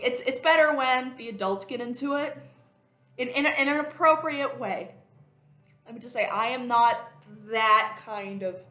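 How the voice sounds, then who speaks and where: A woman's voice: medium pitch, fairly bright tone. Young woman, mermaid performer, casual vlog chat, rambling with fillers, echoey room. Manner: chatty, rambling with many fillers and restarts.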